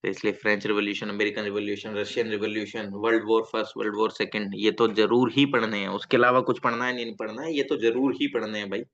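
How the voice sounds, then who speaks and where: A man's voice: lowish voice, flat delivery, fast talker, few pauses, a bit bright. A male teacher giving a classroom lecture, often asking the students questions and repeating himself to coax answers. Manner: asks students questions, coaxing and repetitive. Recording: slightly dull lo-fi sound.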